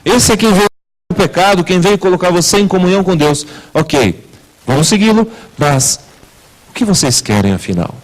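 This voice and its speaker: A man preaching a sermon as pastor in a church, asking rhetorical questions with wide swings in pitch and loudness. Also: lively intonation, normal speed, low-quality recording.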